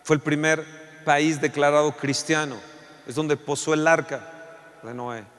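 A man preaching a passionate sermon, swinging between loud outbursts and hushed storytelling. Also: on the high side, steady tone, a little slow, big-room sound.

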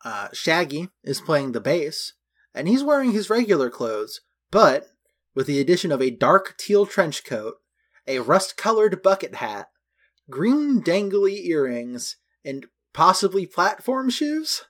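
A man's voice: a little high, big pitch swings, unhurried, a bit bright. Chatty man recapping a film. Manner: chatty, detailed, goes through costumes item by item. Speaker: podcast co-host. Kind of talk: casual film recap chat.

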